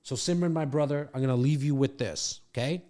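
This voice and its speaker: A middle-aged man with a mid-range, warm voice talks fairly quickly as he hosts a podcast from his home studio. A real estate coach by trade, he gives his guest a brash, profane pep talk in a casual mentoring chat.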